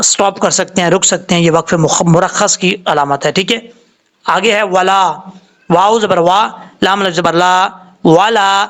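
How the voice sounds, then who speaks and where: High-voiced man teaching Quran recitation. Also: fairly bright tone. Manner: spells out letters and vowel marks, then drawls out the recited words. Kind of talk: slow step-by-step tajweed lesson.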